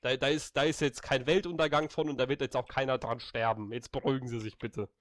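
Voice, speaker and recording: A man playing a calm, firm store cashier. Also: mid-range voice, quick pace, close to an everyday voice. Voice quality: firm, soothing.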